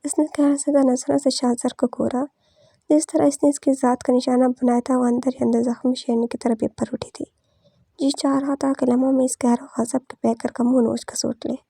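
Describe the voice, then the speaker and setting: A woman reads a novel aloud in a steady, scripted storytelling manner. Her voice is high yet very dark in tone, with gravelly fry and a husky edge. The recording is dry and close, with no room sound. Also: moderate pace, no room sound. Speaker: audiobook narrator.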